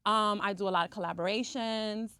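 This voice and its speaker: This podcast interview guest is an esthetician who owns a skincare brand, originally from Cuba and in the US since she was three. Her mid-range voice is sharp and clean with fairly even intonation and a slightly fast pace, recorded dry at studio quality. She talks chattily and keeps checking in with the listener.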